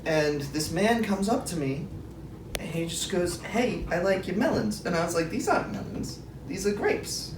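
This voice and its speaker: A woman's voice: fairly low pitch, expressive, moderate pace, lightly acted. A woman playing a rambling, indignant, eccentric elderly grandmother in a grandma voice, repeating herself in improvised comedy. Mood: rambling, befuddled. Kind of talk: improvised comedy role-play. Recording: roomy, noisy, distant mic.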